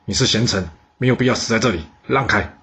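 A man's voice: on the low side, quick pace, bright, forceful tone, highs cut off. A man voicing a ruthless ancient court official who gives curt, commanding orders.

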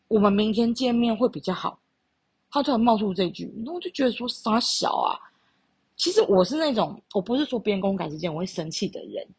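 A woman's voice: fairly low pitch, breathy edge, dry recording. A woman with a Taiwanese Mandarin accent, hosting a podcast and telling a story in a candid, blunt way, swearing freely. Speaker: podcast host. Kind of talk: casual storytelling chat.

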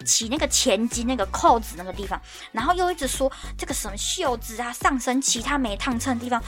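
A woman's voice: a little high, lively intonation, fast, a bit bright, faint music behind. A woman podcast host telling a workplace story in a casual, exasperated, ranting monologue.

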